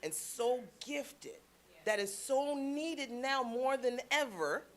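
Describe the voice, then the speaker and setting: A woman's voice: high-pitched, slow. Chatty woman preaching to a congregation. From Canada. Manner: chatty storytelling with playful asides. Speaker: church speaker. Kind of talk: lively sermon talk to a congregation.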